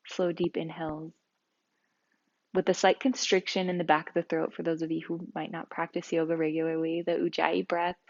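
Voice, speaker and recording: Calm low-voiced woman, gravelly yoga teacher. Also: highs cut off. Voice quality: calm, slow, soft-spoken guidance. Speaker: yoga instructor. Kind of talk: guided yoga and breathing class.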